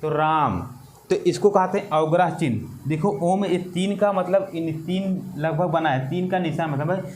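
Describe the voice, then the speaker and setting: A man teaching an exam-prep lesson, slow and repetitive, drawing out vowel sounds. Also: a little high, a little mellow, a little hiss or hum.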